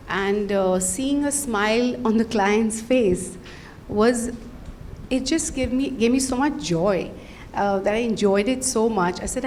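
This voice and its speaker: A soft-spoken woman with an Indian English accent explains her book in a hesitant way, pausing with frequent ums. A faint hiss of noise sits behind her voice. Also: medium pitch. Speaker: author and interior designer. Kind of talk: unscripted interview answer.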